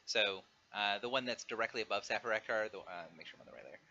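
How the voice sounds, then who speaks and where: A man running a tabletop game on a live stream, explaining the rules in a relaxed way with many fillers. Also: lowish voice, quick pace, creaky. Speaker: game master. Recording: dull lo-fi stream audio.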